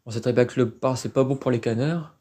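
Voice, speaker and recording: A man's voice: medium pitch, quick pace, mellow. A man giving casual, hesitant live-stream commentary while exploring an abandoned site outdoors, talking into a handheld phone. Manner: casual, hesitant, thinking aloud.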